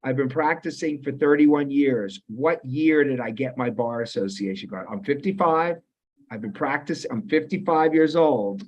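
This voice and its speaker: A man's voice: medium pitch, moderate pace, darkish tone. A man in his fifties moderating an online webinar, talking casually with many restarts and quizzing his audience. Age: 50s. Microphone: video call. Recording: muffled lo-fi video call audio.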